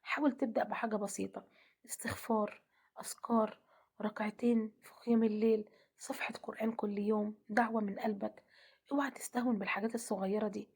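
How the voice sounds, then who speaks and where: A woman with an Egyptian accent giving a gentle devotional talk, often dropping to a half-whisper. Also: medium pitch, level tone, fast talker, breathy edge. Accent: Egyptian Arabic. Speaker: religious speaker.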